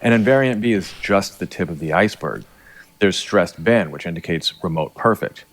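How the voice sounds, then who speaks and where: A man with a very low voice delivers scripted educational narration. He is articulate and academic in his wording, explaining language like a lecturer and slipping into dialect for his examples. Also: animated, moderate pace. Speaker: linguistics explainer.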